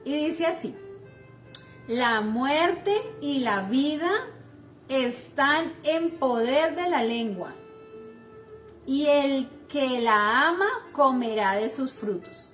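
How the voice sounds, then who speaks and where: A woman's voice: sits high, takes it slowly, faint music behind. A middle-aged woman with a Colombian accent giving conversational devotional teaching, earnest and acting out everyday remarks, with many fillers.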